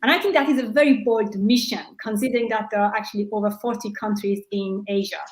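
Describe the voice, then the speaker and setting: A woman from Iran hosting an online panel discussion, speaking in a friendly, measured way with frequent fillers. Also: medium pitch, fairly even intonation, echoey room, rough recording. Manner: friendly, measured, with many "you know" fillers. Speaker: panel moderator.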